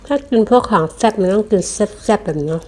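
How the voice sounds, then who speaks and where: A woman's voice: mid-range voice, lively intonation, fast, mellow, a little hiss or hum. A woman doing a casual mukbang eating show, chatting to viewers between bites with chewing and savouring hums.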